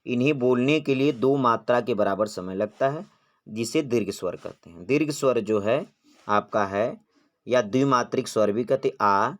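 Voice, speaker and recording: A man's voice: medium pitch, moderate pace. A man teaching an exam-prep grammar lesson, posing questions and answering them himself, drawing out vowel sounds when he demonstrates them.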